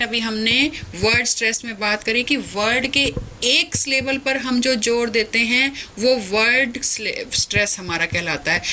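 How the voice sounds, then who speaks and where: A woman teacher talks through a lesson at an unhurried pace. Her voice is bright and clear. She reads each rule out slowly, then goes over it again in plainer words. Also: on the high side, slight background noise, poor audio. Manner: explains step by step, reads English rules slowly then restates them in Hindi. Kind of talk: phonetics lesson mixing Hindi and English.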